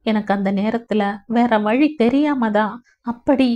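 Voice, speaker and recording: An earnest young village man in an audio story, lovesick and possessive, pleading to be understood, as a woman reader voices him. Her voice stays a little high for a woman. The audio is dull and lo-fi. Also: measured pace, lightly acted.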